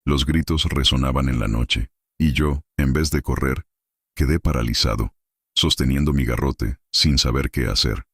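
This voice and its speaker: A man narrating a horror story in a dramatic, measured storytelling manner. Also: a bass voice, a bit bright, husky, no echo, clean studio sound.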